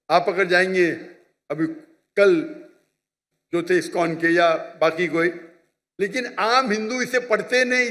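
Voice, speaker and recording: A man's voice: sits high, fairly bright tone, in a large hall. A man answering an audience question at a public religious talk, lecturing emphatically and often checking that he is understood. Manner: lecturing, emphatic, repeats points with "you understand?". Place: large hall with an audience.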